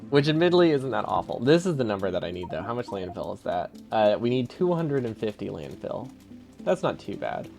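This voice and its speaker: A man's voice: medium pitch, big pitch swings, a little fast, creaky, a little mellow, faint music behind. A man streaming a video game live, thinking aloud, chuckling often and answering his chat in a casual, easily amused way.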